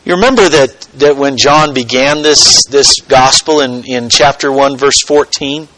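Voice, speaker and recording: Slow, earnest male preacher, dry sound. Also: medium pitch, no room sound, low-quality recording. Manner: slow, earnest teaching with dramatic soft quotations. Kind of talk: sermon.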